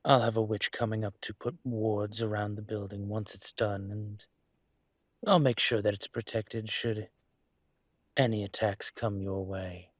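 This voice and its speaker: A man voices a protective dragon crime lord in a scripted roleplay monologue, speaking to the listener with composed courtesy and calm assurance. His low, husky, steady voice unfolds slowly and deliberately with pauses, politely in command. The recording is dry and of studio quality.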